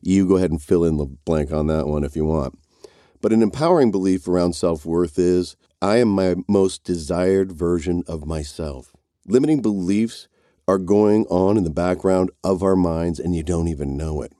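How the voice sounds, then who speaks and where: A man giving an encouraging, measured motivational self-help talk straight to the listener. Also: sits low, mellow, no echo, clean studio sound. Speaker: self-help program host.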